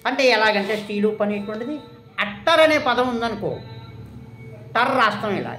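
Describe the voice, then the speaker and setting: A woman's voice: fairly high pitch, fairly quick, fairly bright tone, roomy sound, soft background music. A woman teaching a shorthand lesson, quizzing her listeners with questions and then answering them herself. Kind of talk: classroom lesson.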